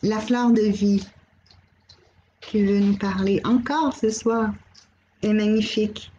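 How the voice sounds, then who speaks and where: A middle-aged woman with a Québécois accent, hosting a live channeling stream, gently relaying messages and greeting viewers by name. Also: medium pitch, steady tone, slow pace, dull audio, slight background noise. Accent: Québécois French. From Quebec.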